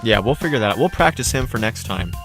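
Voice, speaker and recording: Brief: young male podcast host, teasing and animated, faint music under. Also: on the low side, fast talker. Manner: playful, teasing, laughing. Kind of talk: casual chat.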